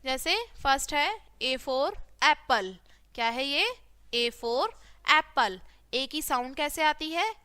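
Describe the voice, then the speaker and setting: A high-pitched woman teaches the alphabet to small children. She speaks slowly and draws out each sound, asking a question and then answering it. Her voice is bright and clear. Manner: slow, drawn-out teaching with repeated questions and answers. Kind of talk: phonics lesson for young children.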